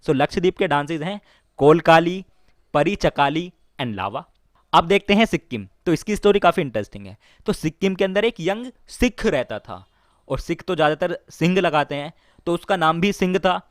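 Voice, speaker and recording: A man's voice: on the high side, animated, dry recording. Dry-voiced man teaching exam mnemonics. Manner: explains slowly with stories and repeats key lines. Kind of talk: mnemonic lesson for exam students.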